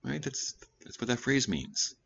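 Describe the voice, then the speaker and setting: A male pastor giving a conversational sermon, breaking into loud emphatic bursts and correcting himself as he goes. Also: medium pitch, unhurried, gravelly, breathy edge, muffled recording. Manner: animated preaching with sudden loud emphatic bursts; conversational asides and self-corrections.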